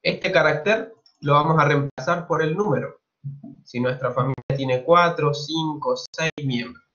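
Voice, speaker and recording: Chilean man, slow, patient teacher, fairly high voice, muffled lo-fi computer mic. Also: a bit bright. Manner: slow, patient, repeats each word twice. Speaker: Mandarin teacher. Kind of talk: online language lesson.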